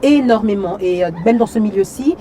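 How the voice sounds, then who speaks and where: Brief: woman from Cameroon, actress-singer guest, warm mellow tone, lively casual chat with fillers. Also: mid-range voice, brisk. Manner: lively, frequent fillers and "tu vois".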